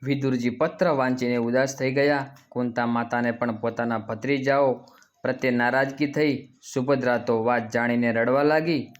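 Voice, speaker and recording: A man's voice: mid-range voice, steady tone, normal speed. A man narrating a scripted old epic tale, reading every figure's lines in his own voice. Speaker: storyteller.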